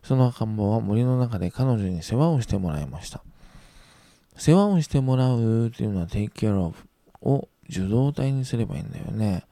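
A man teaching English grammar, patiently repeating each example sentence slowly and reassuring his students. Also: fairly low pitch, expressive, warm tone, dry recording. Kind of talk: recorded grammar lesson.

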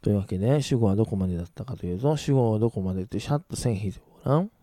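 A man teaching an English pronunciation lesson, brisk and casual, with playful asides. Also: fairly low pitch, dark tone, dry recording, studio quality. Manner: brisk teacherly, slows right down to model English words clearly; casual rough-edged male speech, playful asides.

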